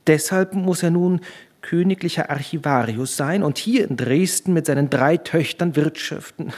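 A man's voice: mid-range voice, darkish tone, natural voice. A man voicing a dreamy, unhinged young student who muses with rapture.

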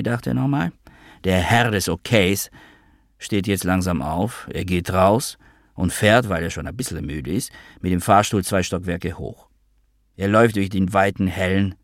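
A man narrating a literary audiobook in a wry, measured storytelling manner. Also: low-pitched, no room sound, clean studio sound.

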